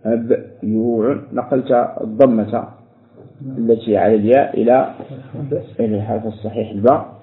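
A man teaching a grammar lesson to a class, explaining each step and repeating words slowly while he quizzes his students. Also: fairly low pitch, steady tone. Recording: echoey room over a phone-like line.

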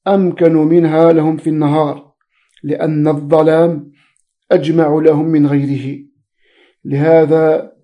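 A man teaching a religious text, reading commentary slowly and spelling out letters and variant readings. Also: fairly high pitch, dull audio.

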